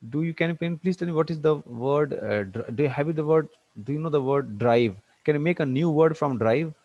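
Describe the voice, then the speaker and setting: A man teaching an online English grammar lecture, halting with many fillers and restarts, spelling words out letter by letter, over a video call. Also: fairly high pitch, darkish tone, lo-fi sound.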